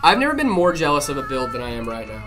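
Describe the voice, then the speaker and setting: A man's voice: mid-range voice, wildly swooping pitch, fast, over music. A man from North Carolina co-hosting a live stream, chatting casually and reading viewer messages aloud while building a PC.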